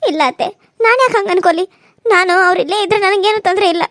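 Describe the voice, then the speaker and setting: A woman's voice: very high-pitched, racing, fairly bright tone, dry recording, clean studio sound. A woman voicing a meek young daughter-in-law in a cartoon serial, pleading and tearful. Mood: complaining.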